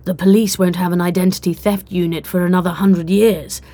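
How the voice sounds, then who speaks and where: Woman playing the Doctor, calm wry time traveller. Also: on the low side, fairly quick, lightly acted. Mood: wry, reassuring.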